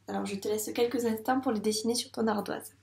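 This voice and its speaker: A woman's voice: on the high side, fairly even intonation, fast talker, vocal fry, a little mellow, echoey room, a little hiss or hum. A French-accented woman teaching young children to read, speaking patiently and sounding out syllables with care. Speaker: primary school teacher. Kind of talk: slow, clear teaching video for young children.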